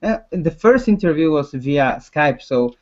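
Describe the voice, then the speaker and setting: Speaking English as a second language in a casual chat, a concept artist with a Polish accent hesitates and often restarts his words. His slightly high voice is animated and a little mellow, though the audio sounds dull.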